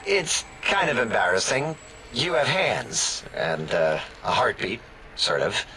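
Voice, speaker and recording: A scatterbrained scientist brain from a video game, rambling and trailing off into sarcastic asides. His bright voice swoops all over the place. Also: medium pitch, very animated, slow pace, a little hiss or hum, full character voice, low-quality recording. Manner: meandering, hesitant, with sarcastic asides.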